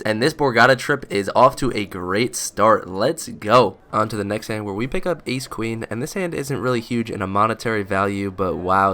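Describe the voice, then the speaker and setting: A young man with a congested, stuffy voice, giving upbeat, excitable voice-over commentary on poker hands in his vlog. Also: mid-range voice. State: congested from a cold. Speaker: poker vlogger.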